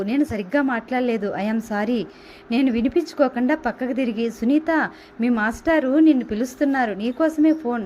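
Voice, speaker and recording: Female audiobook narrator, higher pitch, expressive first-person reading, dull recording with faint hiss. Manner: expressive reading, voicing dialogue. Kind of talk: novel reading.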